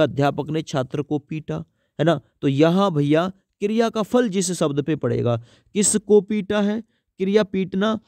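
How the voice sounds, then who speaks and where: A man giving an exam-prep grammar lesson. He asks questions and answers them himself, with a lot of repetition, and reads the example sentences out slowly. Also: on the high side, a little mellow, no echo, studio quality. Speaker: teacher.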